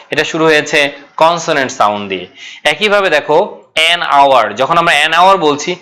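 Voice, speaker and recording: Bright-voiced man teaching grammar. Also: on the high side. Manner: explains step by step, asks and answers own questions, repeats key points. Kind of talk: online class lecture.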